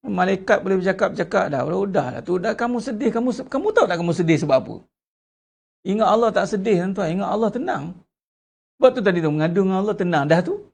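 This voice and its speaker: A man preaching a sermon as a religious teacher, animated and full of rhetorical questions to his congregation. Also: sits high, fast talker, gravelly, slightly rough.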